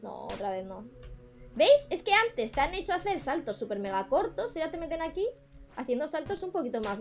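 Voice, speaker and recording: A young woman with a Spain Spanish accent, chatting on a live gaming stream, frustrated and swearing at the game. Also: high-pitched.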